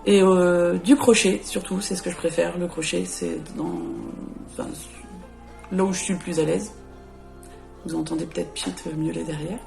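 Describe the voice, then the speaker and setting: A woman's voice: fairly low pitch, fairly even intonation, moderate pace, creaky, a little mellow, soft background music. A woman in her late thirties introducing herself and her channel in a casual vlog, hesitant, with many fillers and self-corrections. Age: 30s. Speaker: YouTuber presenting her channel. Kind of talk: casual vlog talk to camera.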